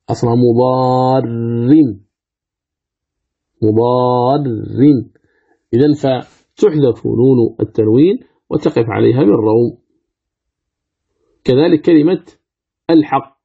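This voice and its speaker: Gravelly-voiced man teaching recitation rules. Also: medium pitch. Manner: poses questions and answers them himself, demonstrates pronunciations aloud. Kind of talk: explaining a commentary on Quranic recitation rules. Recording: tinny phone-like audio.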